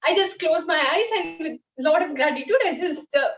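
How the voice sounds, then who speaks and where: A young woman from India with an Indian English accent, telling a personal story as a guest in a halting, heartfelt way with many fillers. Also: very high-pitched. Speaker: guest volunteer. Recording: echoey, distant, dull sound.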